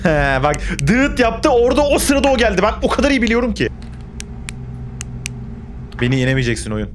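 A man's voice: very high voice, big pitch swings, fairly quick, a little hiss or hum. A young man playing a horror game, commenting on the action, getting jumpy and swearing back at the game. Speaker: gaming YouTuber.

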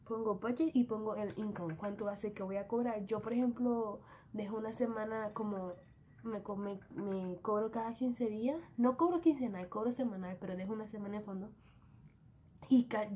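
A woman's voice: medium pitch, mellow. A young Dominican woman talks casually through her planner in a small bedroom, slipping English words into her Spanish. She records on a phone held close, with a faint hiss behind her. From Dominican Republic. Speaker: vlogger. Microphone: phone camera at arm's length.

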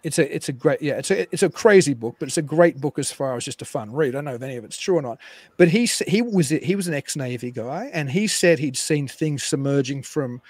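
A man guest historian explaining at length on a live call-in show, animated and digressive with frequent restarts. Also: a little high, a little fast, no room sound.

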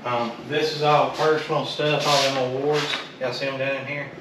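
This man speaks at a normal speed with medium pitch and a level tone, making casual, offhand talk as he unboxes things in an indoor metal storage unit. He drawls and describes items as slick, over loud background clanking.

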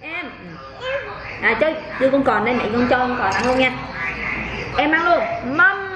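A woman's voice: high-pitched, animated, moderate pace, over a noisy crowd. A young mother filming a casual family vlog at home, playfully coaxing and praising her children as they eat. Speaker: mother and vlogger. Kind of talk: casual family vlog, talking to kids and viewers. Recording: loud background noise.

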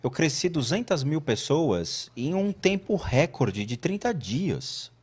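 Guy on a podcast telling his story, super animated, voice jumping all over. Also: on the high side, slow pace, breathy edge. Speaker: podcast guest. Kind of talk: casual chat.

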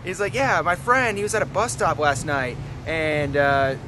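A man's voice: fairly high pitch, fairly even intonation, moderate pace, noisy background. A man in his twenties telling a story outdoors in the woods, acting out the voices of the people in it. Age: 20s. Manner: acts out quoted voices. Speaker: interviewee. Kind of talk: animated storytelling.

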